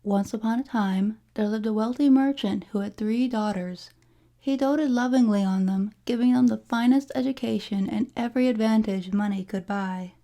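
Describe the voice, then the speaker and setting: A woman narrating a fairy tale from a storybook in a measured, formal storytelling delivery. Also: fairly high pitch, mellow. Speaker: storybook reader.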